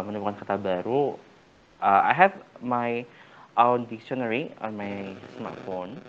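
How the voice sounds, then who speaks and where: A man's voice: lowish voice, highs cut off. A young man with an Indonesian accent, a college student guest on a casual podcast, hesitant and mixing English with Indonesian among many fillers. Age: young adult.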